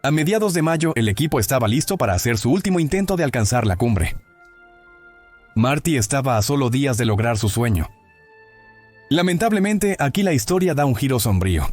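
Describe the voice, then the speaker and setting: A male narrator tells a true story in scripted documentary style. His delivery is dramatic and lively in pitch, with a soft bed of music under his voice. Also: a little fast.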